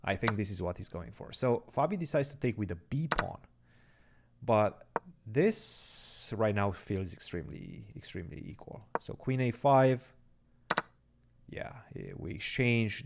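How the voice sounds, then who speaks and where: A man's voice: lowish voice, gravelly. A young man giving chatty live chess commentary, thinking aloud about the moves and chatting with viewers.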